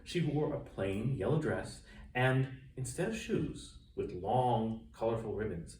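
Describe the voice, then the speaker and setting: Reading his own children's story, this male author is highly expressive, punching words dramatically and adding sound effects. His mid-range voice moves at a measured pace, captured by a far-off microphone with room echo and slight background noise.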